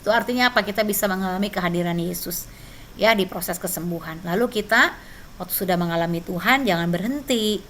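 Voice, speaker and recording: Brief: woman church trainer, bright tone, conversational teaching, faint background noise. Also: mid-range voice, brisk. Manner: conversational, frequent tag questions. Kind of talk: teaching with personal testimony.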